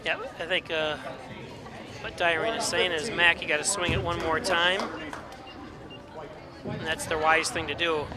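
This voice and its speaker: A middle-aged man doing chatty, joking commentary on a high school basketball game, rising to excited calls on big plays. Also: a little slow, long pauses. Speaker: play-by-play commentator. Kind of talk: local sports commentary. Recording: loud gym crowd noise. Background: loud crowd and bouncing basketballs.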